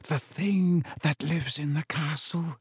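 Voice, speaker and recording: Brief: a croaking old giant spider, grave and menacing, with an odd, higher voice, as a male narrator puts him on. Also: steady tone, takes it slowly, darkish tone, no echo, studio quality, exaggerated voice.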